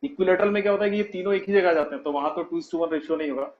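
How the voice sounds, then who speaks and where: A man's voice: sits high, very fast. Male math tutor, patient step-by-step delivery, lo-fi online-class sound. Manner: explains step by step, adds "है ना?" to check understanding. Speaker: math teacher. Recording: dull lo-fi online class audio.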